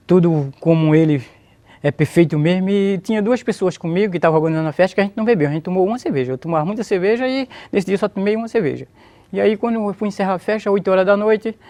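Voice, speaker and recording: A Brazilian man gives an emotional religious testimony as an interviewee, recounting his conversion while repeating phrases and praising God. His voice sits high and has a slightly mellow quality.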